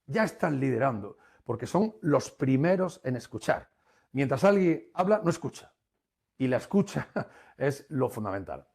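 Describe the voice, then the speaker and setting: A man giving a webinar lesson, animated and emphatic, swinging between loud and soft and repeating key phrases. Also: a little high, husky. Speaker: webinar instructor. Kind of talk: lecture on conflict resolution. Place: online webinar.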